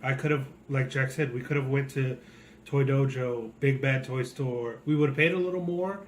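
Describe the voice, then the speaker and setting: A man's voice: mid-range voice, steady tone, normal speed. A man speaking as a co-host in a casual, conversational complaint, explaining his opinions. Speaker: co-host and toy collector. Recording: noticeable background noise.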